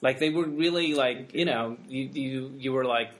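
A man's voice: medium pitch, normal speed, rough recording. A man with a standard American accent, hosting a podcast in a casual, conversational way. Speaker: podcast host.

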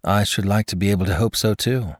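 A man voicing a polite, well-spoken gentleman detective in an audiobook reading. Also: fairly low pitch, fairly quick, no room sound, pitched above the performer's own voice, lightly acted. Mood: genial.

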